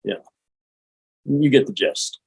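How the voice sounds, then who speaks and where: An older man, a meditation teacher, giving a relaxed, folksy spoken lesson with frequent chuckles. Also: slow pace, no echo, poor audio. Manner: chuckling, folksy, demonstrates laughing exercises.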